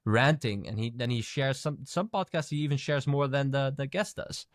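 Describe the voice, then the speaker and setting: A podcast co-host chats casually, sounding thoughtful and musing as he talks. His voice is mid-range and his speed normal. The studio sound is clean, with no room sound.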